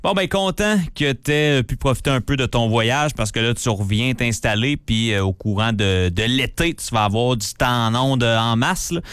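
A man's voice: mid-range voice, normal speed, hardly any pauses, a bit bright, clear, resonant tone, no room sound, studio quality. A man with a Québécois accent hosting a radio show in casual, chatty style. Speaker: radio host. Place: radio studio.

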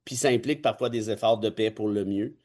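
Here a man in his forties, a constitutional law expert, talks fairly quickly in a slightly mellow, lowish voice. His Québécois French accent colors casual opinion talk that comes across as emphatic, cynical and colloquial.

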